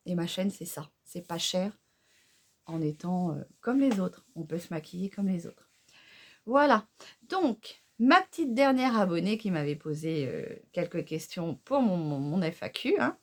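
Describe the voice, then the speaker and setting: A woman's voice: fairly low pitch, a little mellow. A middle-aged woman chatting candidly in a casual vlog while doing her makeup, often tagging sentences with a little "hein". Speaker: beauty vlogger.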